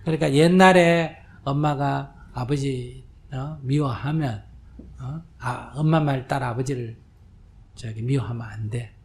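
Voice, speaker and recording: A man's voice: medium pitch, unhurried, darkish tone. Older male monk, Q&A dharma talk in a hall, chatty, checks in with listeners, faint room noise. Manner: conversational, often checks listeners understand; acts out quoted voices, drops to whispers. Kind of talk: question-and-answer dharma talk. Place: lecture hall with audience.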